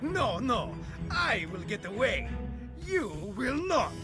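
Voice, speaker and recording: A man's voice: very high-pitched, sing-song, slow, full character voice. A man voicing a gloating game villain in a classic, theatrical villain monologue, taunting his victim. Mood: gloating, menacing. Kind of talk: video game voice acting. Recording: loud game music behind. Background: loud game music.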